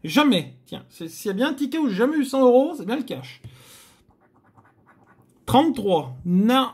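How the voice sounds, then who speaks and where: A man's voice: extremely high pitch, big pitch swings, normal speed, a little mellow, husky. A man hosting a scratch-card video, giving chatty, theatrical commentary to his viewers as he scratches. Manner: chatty, theatrical, addresses viewers, frequent groans. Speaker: host.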